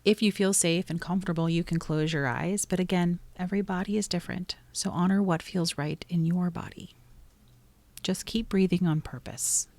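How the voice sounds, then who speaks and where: A woman with a low, steady voice leads a guided meditation, narrating in a soothing, gently instructive way with pauses between short phrases. The sound has no echo.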